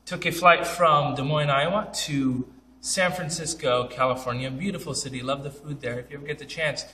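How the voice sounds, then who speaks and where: A man's voice: on the high side, fairly even intonation, normal speed, sharp tone, echoey room, far from the mic. A young man telling funny travel stories in a casual, joking, self-deprecating way, talking straight to camera. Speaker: vlogger.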